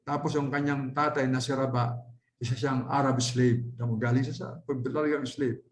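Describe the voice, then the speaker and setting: A Filipino man, an Islamic lecturer, teaches a religious class in a dawah center lecture hall, speaking at normal speed with a medium-pitched, level voice. His style is conversational, with frequent check-ins with listeners and English phrases mixed in, and the room sounds echoey.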